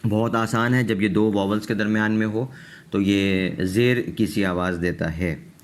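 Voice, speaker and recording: A man with a fairly low voice teaches English pronunciation. He moves through the rules at an unhurried pace and keeps checking that his listeners follow. He sounds patient and methodical. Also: steady tone. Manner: reads English examples aloud very slowly. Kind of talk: pronunciation lesson.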